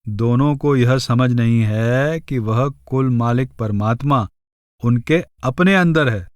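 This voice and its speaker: A man narrating a spiritual audiobook in a measured way, reciting verses slowly in a chanting cadence. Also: medium pitch, no room sound, studio quality.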